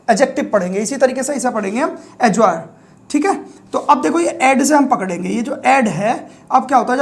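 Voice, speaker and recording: A young man teaching vocabulary for exams. He explains each word with a memory trick and keeps checking in with the class. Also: very high voice. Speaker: vocabulary teacher for exam prep. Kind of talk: classroom-style lesson.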